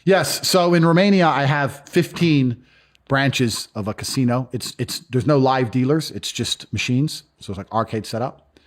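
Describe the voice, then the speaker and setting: A man telling stories in a casual interview, blunt and profane. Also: mid-range voice. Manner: fast, animated, profane storytelling. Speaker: guest.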